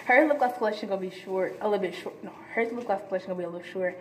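In this casual vlog chat filmed on a phone outdoors near some apartments, a teenage girl giggles and talks over her friends. Her medium-pitched voice races along, and the audio has an echoey quality with slight background noise.

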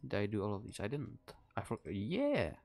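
Playing with game music in the background, a Czech-accented streamer from the Czech Republic thinks aloud in casual, rambling commentary. His voice is fairly low, gravelly and darkish, swinging hugely in pitch and running a little fast.

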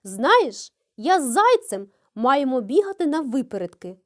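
A woman voicing a sly, unhurried male hedgehog in a children's fairy tale. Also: sits high, big pitch swings, voice pushed down.

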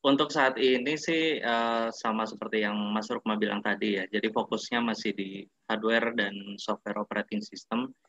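A man in his late twenties, a guest sysadmin, talking politely and relaxed in a casual interview. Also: fairly low pitch, normal speed, creaky, no room sound. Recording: dull lo-fi dry mic.

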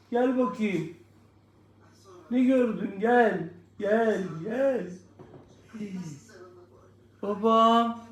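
A man talking to his pet parrot in a coaxing, affectionate baby-talk manner, casually trying to get it to sleep. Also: sits high. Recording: echoey room.

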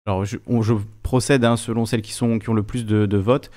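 A man's voice: on the low side, steady tone, fairly quick, darkish tone. A man moderating an online talk, reading audience questions aloud in a plain way.

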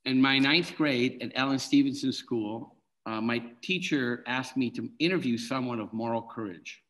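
A middle-aged guest who directs films chats casually over a video call, animatedly acting out dialogue within his anecdotes. He speaks at normal speed with a medium pitch, in a low-quality recording.

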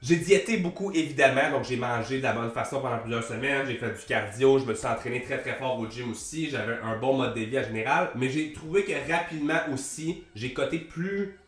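The young man's mid-range voice sounds reverberant as he vlogs casually to camera as a fitness coach, fast and animated, with plenty of gestures and the occasional swear word. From Quebec with a Québécois French accent, he's nasal from a head cold, and he speaks in a small plain grey-walled room into a large desk mic on a boom arm.

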